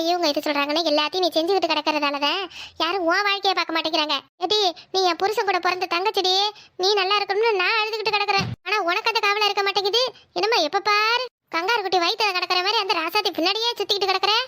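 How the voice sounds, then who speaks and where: A woman's voice: very high-pitched, pushed and bright, dry recording, clean studio sound. A woman voicing a scheming, bossy village sister-in-law in a cartoon, scolding and conniving. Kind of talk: cartoon voice acting.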